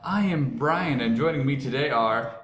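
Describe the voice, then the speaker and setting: A man's voice: medium pitch, moderate pace, fairly bright tone. A man hosting a casual group podcast, recorded in an echoey lobby. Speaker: podcast host. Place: echoing science center lobby. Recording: echoey lobby, faint background noise.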